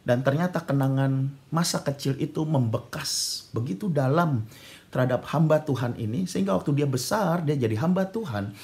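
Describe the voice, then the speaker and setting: Animated Indonesian-speaking male preacher. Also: fairly high pitch, normal speed. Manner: dramatic storyteller acting out voices, shouting at peaks. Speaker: pastor. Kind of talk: sermon storytelling.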